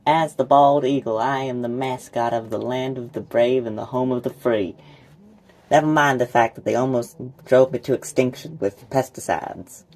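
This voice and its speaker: A man voicing a proud but bitter bald eagle mascot in a low, deadpan voice. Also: normal speed, natural voice, rough recording.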